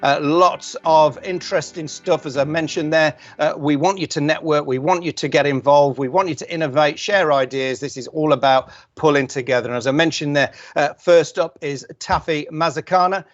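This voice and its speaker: A male host introduces the coming session in a brisk, upbeat manner. His voice sits fairly high, and the recording is dull and lo-fi, with faint music underneath. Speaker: event host. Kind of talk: introducing speakers.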